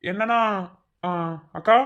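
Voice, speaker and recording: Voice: narrow, tinny audio, natural voice. A performer voicing a greedy, scheming brother-in-law in a cartoon, a pushy man who talks over the grieving family with a Madurai Tamil accent. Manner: fast, pushy, dismissive talk. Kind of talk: cartoon voice acting.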